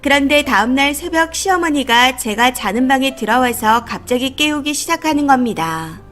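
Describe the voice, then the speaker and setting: High-voiced woman narrating a story. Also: expressive, normal speed, a bit bright, faint music behind. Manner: indignant, confiding storytelling. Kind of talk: scripted first-person narration of a reader's story.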